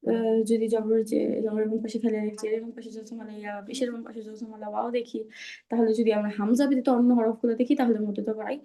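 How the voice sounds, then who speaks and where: Woman recitation teacher, patient, keeps checking understanding, mellow, pitched a bit high, video call. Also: level tone, quick pace. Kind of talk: online class explanation.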